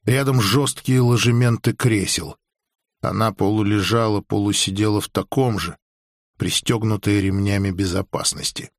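A man narrating a science fiction audiobook in a measured, even storytelling voice. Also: lowish voice, dry recording, studio quality. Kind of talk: scripted narration.

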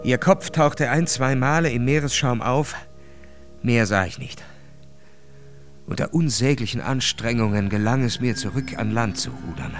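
A man narrating a literary radio drama in a measured, calm storytelling voice. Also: mid-range voice, music in the background.

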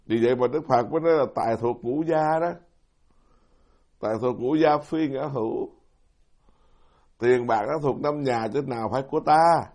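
Folksy monk preaching. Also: male voice, medium pitch, moderate pace, long pauses, a little mellow. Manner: folksy, self-deprecating, asks the audience questions. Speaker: Buddhist monk giving a dharma talk. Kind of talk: sermon.

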